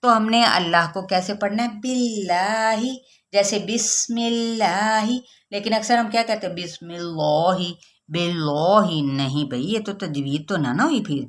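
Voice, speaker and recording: A woman teaching Quran recitation rules patiently, checking with her listeners and drawing out example words slowly. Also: medium pitch, a bit bright. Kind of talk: tajweed lesson.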